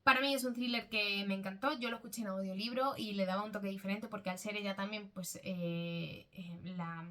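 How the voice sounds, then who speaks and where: A woman's voice: mid-range voice, fairly even intonation, brisk, hardly any pauses, fairly bright tone. A woman with a Spanish accent from Spain, chatting casually as a book vlogger, full of fillers and self-corrections.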